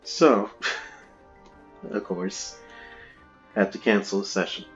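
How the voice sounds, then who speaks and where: Low-voiced man rambling through a game. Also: sing-song, takes it slowly, muffled recording, faint music behind. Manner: rambling, chatty, laughs often. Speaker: gamer, video host. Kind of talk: casual let's-play commentary. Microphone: gaming headset.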